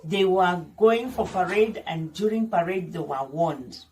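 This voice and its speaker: A woman reads a children's story aloud like a teacher, explaining and repeating points didactically for young listeners. Her voice is on the low side and darkish, a little slow. The microphone is distant, with music playing behind her.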